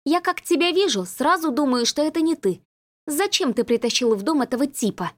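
A woman reading a story and voicing a sharp-tongued, easily rattled young woman in an indignant, sarcastic manner. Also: sits high, lively intonation, brisk, pitched above the performer's own voice. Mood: agitated.

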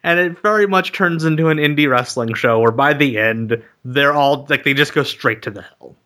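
A man's voice: fairly high pitch, normal speed, sharp tone. A man chatting casually on a podcast, wry and sarcastic as he jokes along. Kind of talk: casual comedic chat.

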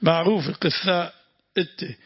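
A man's voice: on the high side, normal speed, breathy edge. A man with a Lebanese accent teaching Quran exegesis, explaining points and quizzing his students as the text is read. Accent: Lebanese Arabic. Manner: explains and quizzes the students, repeating words after the reader. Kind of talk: classroom commentary on a read text. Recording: dull lo-fi lesson recording.

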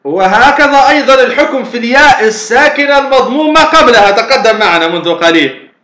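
A man's voice: extremely high pitch, expressive, fast, pushed and bright, echoey room. A man from Tunisia teaching a religious grammar lesson, explaining step by step, repeating phrases and asking himself rhetorical questions.

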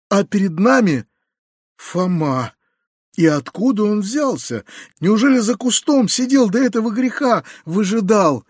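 A man reading an audiobook, voicing an anxious, kindly middle-aged uncle who confides in hushed, lowered tones with hurried outbursts. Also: dry recording, clean studio sound, full character voice. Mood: agitated.

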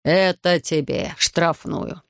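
Guy reading a drunk bragging fisherman, drawls everything, gravelly, dry close audiobook sound. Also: fairly high pitch, slow, dry recording, full character voice. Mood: maudlin toasting. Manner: slurred, dragging, loud and maudlin. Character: drunk boastful fat man, sentimental old fisherman.

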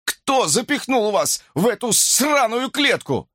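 A man's voice: extremely high pitch, sing-song, slow pace, a bit bright, no echo, studio quality, voice pushed up, heavily acted. A man voicing a worried, angry father demanding answers in an audiobook. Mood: alarmed.

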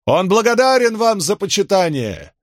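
A man reading an audiobook, voicing a commanding female priestess who proclaims her visions slowly and solemnly. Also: high-pitched, sing-song, dry recording, studio quality, voice pushed up. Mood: exalted proclaiming. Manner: slow, exalted, declamatory.

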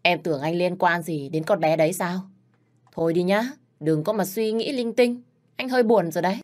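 A woman voicing a calm, gently reassuring young husband in a storybook reading. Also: on the low side, moderate pace, lightly acted. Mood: hurt.

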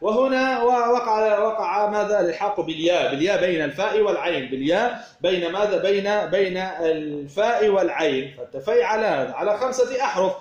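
A man with a high voice teaches grammar patterns, asking questions and answering them himself while he repeats each key form. The sound is dull and muffled and rings in a roomy space. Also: fairly quick. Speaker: teacher of Arabic morphology. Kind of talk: explaining a verse text line by line.

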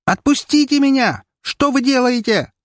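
A man's voice: very high-pitched, expressive, moderate pace, no room sound, studio quality, voice pushed up. A man reading an audiobook, voicing a terrified young woman who pleads and sobs in panic. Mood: panicked pleading. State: sobbing, panicked. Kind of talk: audiobook character voice.

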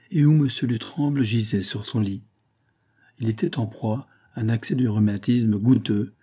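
A man reading a novel aloud as an audiobook narrator, in a measured, literary style. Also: on the low side, mellow. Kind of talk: scripted narration.

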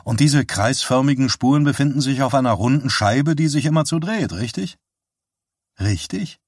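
A man's voice: mid-range voice, moderate pace, husky, dry recording, pitched above the performer's own voice. A cheeky young guy spinning tall tales with a straight face, read by a man, dry close sound. he teases with playful mock seriousness and lifts his voice a little above plain talk. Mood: teasing. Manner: teasing, deadpan mock-serious.

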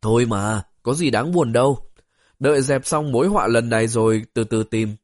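A grumbling old wanderer with a blunt, needling way of talking, as a male narrator puts him on. He sits at a middle pitch. The sound is close and dry. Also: normal speed, a little mellow, no room sound, natural voice. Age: older.

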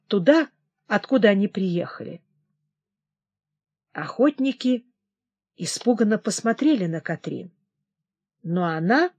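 A woman giving a dramatic, expressive audiobook narration of a historical novel. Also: mid-range voice, dry recording.

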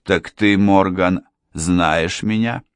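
A man's voice: sits low, slow pace, clean tone, no echo, clean studio sound. A man doing a sneering, cold impostor preacher. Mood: contemptuous. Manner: insolent, cold, contemptuous. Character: sneering scheming middle-aged male impostor preacher.

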